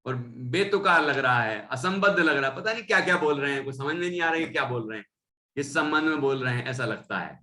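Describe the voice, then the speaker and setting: A man's voice: medium pitch, animated, fast, pushed and bright. A man teaching a Jain scripture class, reading a verse and then explaining it, often adding "है ना?". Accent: Indian Hindi. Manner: reads a verse, then explains with tag questions.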